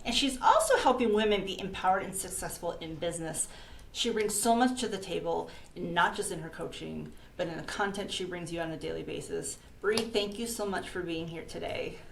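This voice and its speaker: A woman's voice: fairly low pitch, brisk, gravelly, reverberant, slight background noise, low-quality recording. Gushing woman podcast interviewer. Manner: gushing, enthusiastic. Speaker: podcast host. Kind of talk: casual interview talk.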